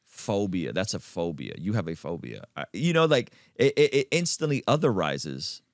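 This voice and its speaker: A man from Azerbaijan hosting a podcast conversation, talking emphatically and leaping up in pitch to stress his points. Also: big pitch swings, normal speed, vocal fry, dry recording, studio quality. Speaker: podcast host.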